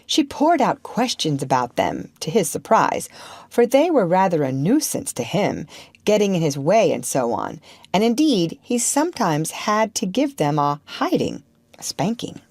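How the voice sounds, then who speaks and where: A woman reads a storybook aloud with a very lively, expressive voice. Her pitch moves freely up and down, and the sound is dry and close to the mic. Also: unhurried, no echo. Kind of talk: scripted narration.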